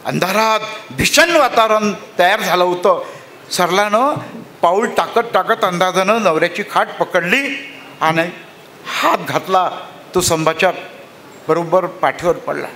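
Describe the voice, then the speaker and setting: A man's voice: high-pitched, expressive, unhurried, pushed and bright, slight background noise. A man telling a rural story dramatically at a literary conference.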